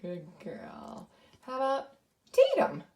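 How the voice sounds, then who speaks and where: A woman's voice: high-pitched, huge pitch swings, slow pace, mellow. A woman presenting early literacy lessons and playing patient, encouraging phonics games with her young daughter.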